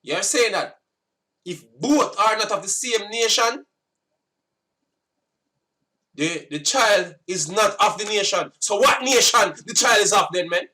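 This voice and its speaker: A Jamaican man giving casual sitdown commentary on scripture, forceful and scolding, often repeating himself. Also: high voice, far from the mic. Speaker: religious commentator.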